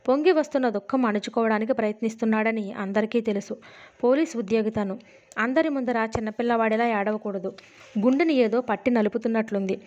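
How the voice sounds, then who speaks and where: A woman's voice: on the high side, muffled recording. A woman reading a detective novel aloud, steadily, in a storybook manner. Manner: steady storybook reading, dialogue read with little change of voice.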